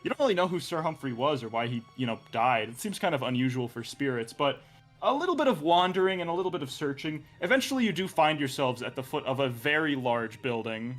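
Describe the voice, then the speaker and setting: A man's voice: mid-range voice, lively intonation, fast, a bit bright, soft background music. A young man narrating and refereeing a tabletop game as game master, loose and rambling. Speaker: dungeon master.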